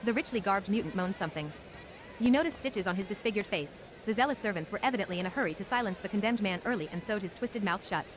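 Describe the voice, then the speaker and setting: A woman's voice: mid-range voice, lively intonation, fast, noisy background. A woman reading dramatic scripted narration as the narrator of a fantasy game.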